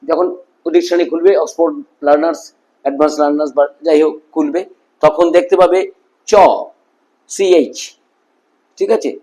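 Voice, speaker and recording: A man with a Bengali accent teaching English pronunciation, repeating each word slowly and often checking that his listeners follow. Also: on the high side, fairly even intonation, mellow, poor audio. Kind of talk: phonetics lesson explaining sounds and symbols.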